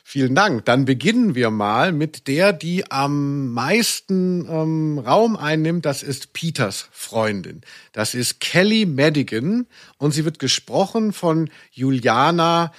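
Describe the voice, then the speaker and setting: A man co-hosting a podcast chats casually about audio dramas in a playful, mock-serious way. His voice is a little high and very animated, though he speaks slowly.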